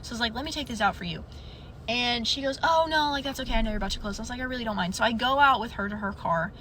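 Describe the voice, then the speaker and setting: In this storytelling clip, a young woman whose voice is a little high rattles off a customer service job story rapid-fire, acting out the quotes. The audio carries a little hiss or hum.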